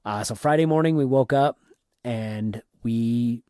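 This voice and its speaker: A man co-hosting a podcast, chatting casually and excitedly about a theme park trip, often repeating words. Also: mid-range voice, a little slow, smooth, no echo, clean studio sound. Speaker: podcast co-host. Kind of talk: casual trip recap chat.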